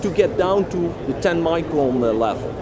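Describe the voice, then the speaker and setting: A man's voice: a little high, animated, moderate pace. A middle-aged man, a company general manager, explaining a machine in a trade show interview with many fillers. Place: busy trade show floor, indoors. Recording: loud crowd noise. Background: loud crowd chatter.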